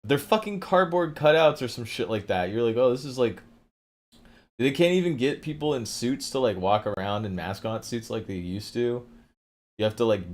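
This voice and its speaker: A man hosting a casual livestream, rambling from topic to topic, swearing often and laughing a lot. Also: lowish voice. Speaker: livestream host.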